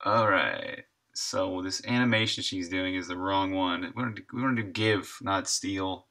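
A low, sharp-toned voice at normal speed belongs to an American man in his thirties who streams his game development work live. He chats in a relaxed, slangy way and chuckles easily.

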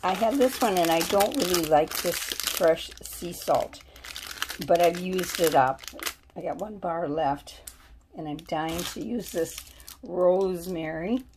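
A vlogger at home films her soap haul, chatting and thinking aloud as she reads the labels in a casual show-and-tell. Her voice is on the low side and slow, with background noise in the recording.

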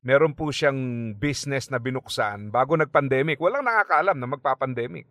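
A man's voice: medium pitch, a little fast, no echo. Filipino man giving a radio Bible talk. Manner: conversational, mixing English phrases, frequent tag questions; animated when retelling stories. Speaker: radio program host. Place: radio studio.

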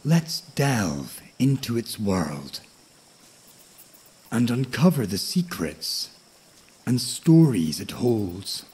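A man with a husky, breathy voice narrating a bedtime story like a nature documentary, tranquil and measured, with frequent pauses. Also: medium pitch, sing-song, a little mellow. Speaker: host of a sleep story podcast.

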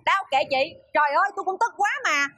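A defiant snapping wife. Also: female voice, extremely high pitch, quick pace, pushed and bright. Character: defiant wife snapping back at her friend. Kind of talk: TV sitcom acting.

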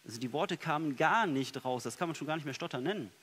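A man preaching a sermon in a church, earnest, moving between soft, quiet passages and emphatic ones. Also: fairly high pitch, animated, fast, slightly rough. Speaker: pastor.

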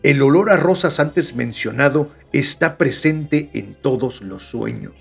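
A man's voice: mid-range voice, unhurried, vocal fry, breathy edge, soft background music. A man with a Mexican Spanish accent, hosting a podcast, reading listener stories aloud with chatty joking asides. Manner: chatty, joking asides between read passages. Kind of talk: casual storytelling reading.

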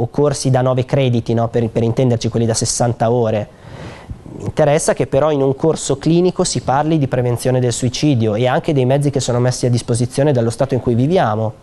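A man's voice: mid-range voice, a little fast, dark tone. A man presenting a proposed law at a public conference in a theater, talking in a conversational way with frequent fillers and restarts. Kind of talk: explanatory public talk. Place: theater hall.

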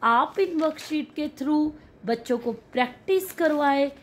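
A woman teacher walking through a children's worksheet, spelling out syllables slowly and drawing out each sound. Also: high voice, a little hiss or hum. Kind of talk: worksheet walkthrough lesson.

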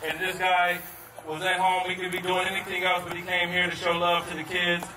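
High, flat-voiced man hyping a crowd. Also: brisk. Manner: chatty storytelling, hyping the crowd. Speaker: parent and event organizer. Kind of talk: addressing a crowd. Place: outdoor baseball field. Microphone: handheld microphone. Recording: echoey, distant, noisy outdoor PA.

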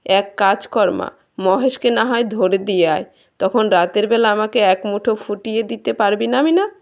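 Woman reader doing a poor, gentle old village farmer, soft and pleading, storybook reading. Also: medium pitch, moderate pace, close to an everyday voice.

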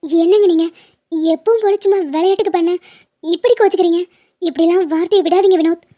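A woman's voice: extremely high pitch, steady tone, fast talker, highs cut off. A woman voicing a young woman obsessed with love in a cartoon, pleading and insistent.

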